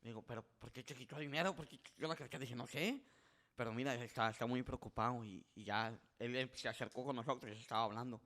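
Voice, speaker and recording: A fast-talking podcast guest with a mid-range voice and few pauses shares a story in a relaxed way. He is animated, voicing the people he quotes and restarting his sentences frequently.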